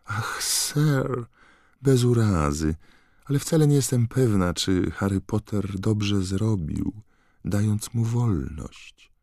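A man voicing a timid, servile female house-elf in an audiobook, with a high, trembling squeak and constant deference. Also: expressive, slow pace, darkish tone, dry recording, clean studio sound, exaggerated voice. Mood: fretful, disapproving. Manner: servile, calls everyone sir. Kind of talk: audiobook character voice.

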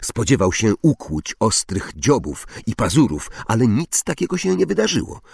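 A man reading a children's fantasy audiobook with expressive, dramatic storytelling. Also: medium pitch, moderate pace, gravelly, slightly rough, dry recording, studio quality. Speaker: narrator.

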